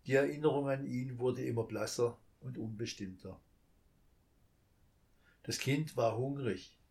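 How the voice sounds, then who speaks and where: Slow, calm male storyteller. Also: mid-range voice. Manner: slow, calm, measured reading. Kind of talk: scripted story narration.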